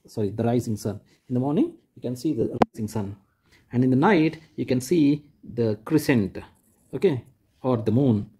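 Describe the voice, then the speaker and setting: Using a warm, slightly rough voice of medium pitch, a man guides children through a school textbook lesson. He points and demonstrates "like this," restating and rephrasing each idea with patience.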